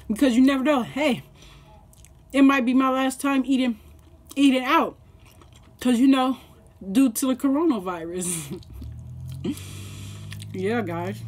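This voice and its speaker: A young woman vlogging at home as she eats, chatting in a rambling way and laughing often, recorded by a camera on the table. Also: on the high side. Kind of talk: casual mukbang chat. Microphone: camera set up on the table.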